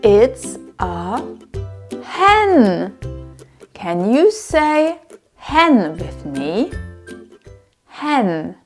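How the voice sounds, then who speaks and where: A woman speaks in the manner of someone reading to a toddler, with a very animated, swooping pitch. She goes extremely slowly, repeating words in a sing-song, encouraging way so small children can copy her. Faint music plays behind her voice. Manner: exaggerated, encouraging questions. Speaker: presenter of a toddler learning show.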